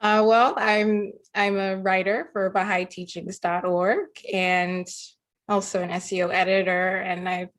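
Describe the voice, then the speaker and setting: A woman's voice: mid-range voice, little pitch movement, a little slow. A woman guest who writes articles and poetry, answering questions in a chatty way with many fillers, then reading her own poem aloud. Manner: chatty, filler-heavy, laughs easily.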